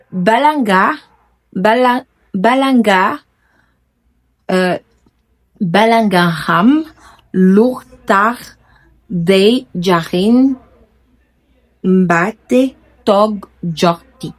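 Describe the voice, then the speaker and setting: Woman vlogger, unhurried and halting, careful repeated pronunciations, plain middle voice. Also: mid-range voice, low-quality recording. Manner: hesitant, slow careful pronunciation attempts, self-correcting. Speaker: language learner sharing proverbs. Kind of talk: casual vlog lesson.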